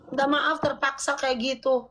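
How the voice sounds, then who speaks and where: A woman's voice: sits high, flat delivery, normal speed, heavy background noise. A woman in a heated couple argument, pleading and scolding, repeating herself insistently.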